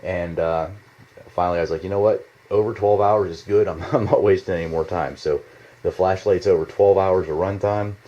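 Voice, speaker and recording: A male amateur reviewer with a deep, mellow voice and fairly even intonation gives a casual, unscripted product demonstration in his home basement. He rambles and halts informally, with mild swearing, on slightly dull lo-fi home video sound.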